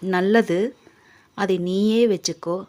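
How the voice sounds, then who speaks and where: Aging father in a storybook reading, gentle and soft-spoken, unhurried , read by a woman. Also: medium pitch, steady tone, natural voice. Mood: tender. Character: aging middle-class father, gentle and tender.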